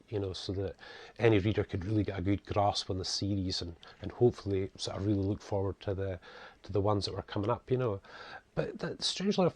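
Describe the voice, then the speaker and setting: A man's voice: on the low side, dry recording. A middle-aged man with a broad northeast Scottish accent, slightly toned down, giving a chatty, casual introduction as an author presenting his own videos. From northeast coast of Scotland. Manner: chatty, frequent 'you guys' and 'you know'. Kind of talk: casual spoken introduction to camera.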